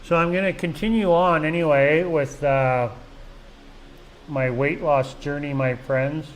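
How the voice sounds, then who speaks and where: A man's voice: on the high side, fairly even intonation, unhurried, slight background noise, rough recording. Rambling middle-aged man on a live vlog. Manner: rambling, full of "you know" and restarts. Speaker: vlog host. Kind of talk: casual live-stream chat.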